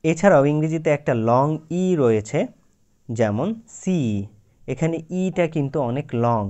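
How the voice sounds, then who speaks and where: A man's voice: fairly high pitch, animated, moderate pace, darkish tone. A man teaching English pronunciation in a YouTube lesson, explaining patiently and drawing out his example words.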